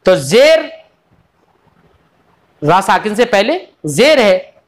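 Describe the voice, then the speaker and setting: A man's voice: extremely high pitch, a bit bright. A man giving an online Quran recitation lesson, patiently repeating each rule, drawing out example words, and addressing his students fondly as children. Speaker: tajweed teacher.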